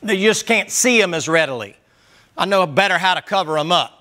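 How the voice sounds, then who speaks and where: A man's voice: high-pitched, animated, fairly quick, pushed and bright. A man preaching a Sunday school sermon in a folksy, joking and emphatic way.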